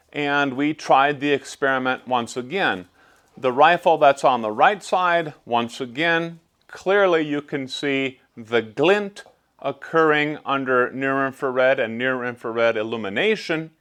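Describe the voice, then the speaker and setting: Male vlog host, mid-pitched, very unhurried, conversational explainer delivery. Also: a bit bright. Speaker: host explaining shooting gear tests.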